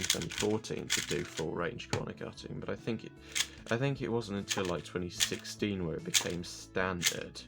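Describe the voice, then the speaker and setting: Gravelly low-voiced man rambling. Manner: rambling, self-correcting, thinking aloud. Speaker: cube reviewer. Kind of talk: casual unboxing review. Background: background music.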